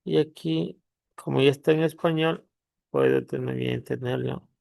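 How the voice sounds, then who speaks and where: Un hombre que presenta un tutorial de software grabado en pantalla. Explica con pausas y remata sus frases con "¿no?". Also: male voice, medium pitch, steady tone, vocal fry, no room sound, clean studio sound. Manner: halting explanation, pausing with tag questions. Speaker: tutorial host. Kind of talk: screen-recorded software tutorial.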